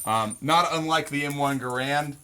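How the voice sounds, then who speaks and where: A man's voice: fairly high pitch, normal speed, sharp tone, clear, resonant tone. A man hosting a casual demonstration video at an outdoor shooting range, joking in a laid-back way with frequent ums. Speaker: video host.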